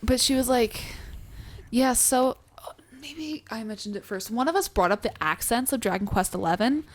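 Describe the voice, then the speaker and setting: A young woman from the Pacific Northwest with an American accent chats casually at a moderate pace over gameplay, her voice a little high with no echo. Co-hosting a let's play, she is an animated storyteller who acts out quotes in her stories and swears freely.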